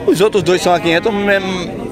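Brief: male vlogger, high voice, chatty and upbeat, loud market crowd behind. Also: steady tone, fairly quick. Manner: chatty, upbeat, asks prices and repeats them. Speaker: vlogger touring a livestock market. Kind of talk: casual walk-around vlog with interviews. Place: crowded outdoor goat market.

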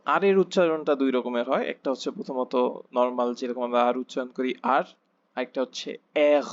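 A man's voice: medium pitch, muffled recording. A man teaching a language lesson, saying each letter and example word twice and then explaining in casual Bangla with English words mixed in. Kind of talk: slow alphabet drill, each word said twice.

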